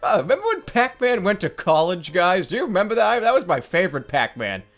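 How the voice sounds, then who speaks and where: A man's voice: sits high, big pitch swings, fast, fairly bright tone, soft background music. A man giving casual gameplay commentary in a sarcastic, incredulous, foul-mouthed way. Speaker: gaming video host.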